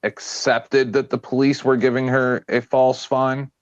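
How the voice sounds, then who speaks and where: A man's voice: mid-range voice, little pitch movement, a little slow, smooth, dry recording, highs cut off. A sarcastic man hosting a casual political discussion. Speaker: discussion host.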